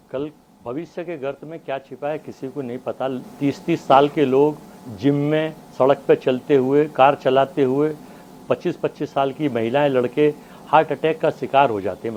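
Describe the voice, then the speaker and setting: A man speaking as a panelist in a heated TV debate, forceful and repeating himself to keep the floor. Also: mid-range voice, fairly even intonation, moderate pace, slight background noise.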